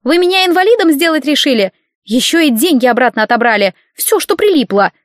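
Shrill, whiny injured woman client with a high, loud voice, put on by a female narrator. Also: lively intonation, fairly quick, dry recording, clean studio sound. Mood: hysterical. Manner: shrill complaining.

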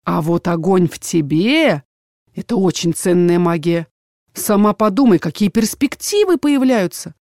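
A woman's voice: fairly low pitch, animated, measured pace, darkish tone, no echo, studio quality. A woman reading the part of a stern, domineering middle-aged father in an audiobook, speaking in a commanding, cold and dismissive way.

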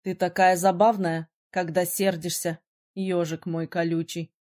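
A woman voicing a brooding, sharp-tongued young male mage in an audiobook, teasing and gruff by turns. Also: on the low side, little pitch movement, a little slow, natural voice. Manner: teasing, then gruff and commanding. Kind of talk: audiobook character reading.

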